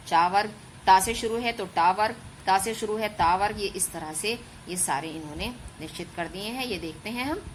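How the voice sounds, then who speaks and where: A woman teacher talks her pupils through a grammar lesson at an even, patient pace. She breaks each point into small steps, calls the listeners children and draws out single sounds as examples. A faint hiss sits under her voice. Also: medium pitch, poor audio. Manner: patient, explains step by step, stretches out sounds as examples. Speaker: school teacher. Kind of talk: online Hindi grammar lesson.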